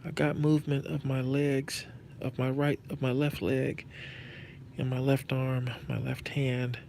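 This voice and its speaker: Gravelly man with numb-mouthed speech. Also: mid-range voice, level tone, a little mellow. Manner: halting, repeats phrases. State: numb left side of face and tongue after a stroke. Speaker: live-streaming host. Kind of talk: casual chat to viewers. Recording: noticeable background noise.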